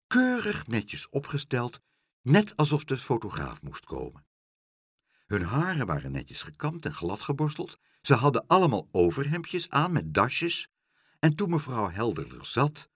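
Male storybook narrator, lively pitch, husky and dry in a quiet studio. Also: dry recording. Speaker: audiobook narrator.

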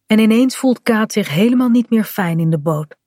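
Woman reading a kids' story aloud, clear and even, dry close mic. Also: medium pitch, moderate pace, dry recording. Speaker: narrator. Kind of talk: children's storybook narration.

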